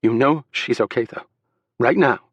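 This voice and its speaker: A frightened young wife speaks through tears, her voice cracked and aching, as a man puts her on in an audiobook. She pitches high above the reader's low natural register and sounds fragile and pleading. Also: normal speed, a bit bright, slightly rough, dry recording, lo-fi sound. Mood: frantic. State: crying.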